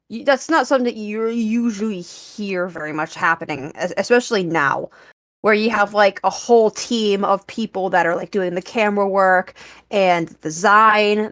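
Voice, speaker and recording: An enthusiastic woman co-hosting a casual film podcast, her talk full of fillers and quick asides. Her voice sits at a middle pitch. The sound is dry and close. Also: a bit bright, dry recording. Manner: chatty, enthusiastic, many fillers. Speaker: podcast co-host.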